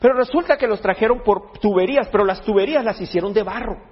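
A man preaches with a high, husky voice. He jokes and restarts phrases as he goes, and his words ring through a long hall echo on a dull, lo-fi recording. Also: fast. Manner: jokey, conversational preaching with frequent restarts. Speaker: pastor. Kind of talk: sermon.

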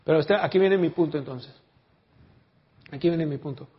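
A man preaching a sermon, moving from hushed storytelling to loud, fervent exclamations. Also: on the high side, normal speed. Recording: dull lo-fi recording.

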